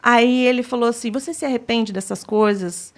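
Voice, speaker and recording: A woman's voice: fairly high pitch, moderate pace. A woman telling her personal testimony as an interview guest, acting out the dialogue she recalls. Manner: retells scenes by acting out quoted dialogue.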